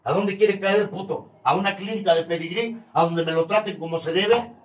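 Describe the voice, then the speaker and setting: High-voiced, cursing Mexican man in a hall. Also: normal speed, distant mic. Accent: Mexican Spanish. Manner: crude, confrontational and heavily profane. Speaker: speaker at a recovery group meeting. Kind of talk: harsh testimony at a support group podium.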